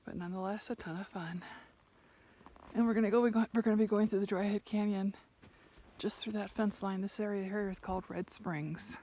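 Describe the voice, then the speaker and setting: A woman's voice: medium pitch, steady tone, a little fast, mellow, slight background noise. A woman chatting casually while riding, laughing often and talking to her horse, outdoors on open range. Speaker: ranch rider vlogger. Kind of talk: casual outdoor vlog chat.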